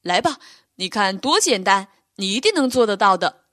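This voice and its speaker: A woman's voice: medium pitch, big pitch swings, moderate pace, sharp tone, no echo, studio quality. A woman voicing a friendly, brave little male polar bear cub who talks eagerly and reassuringly in a bedtime storybook.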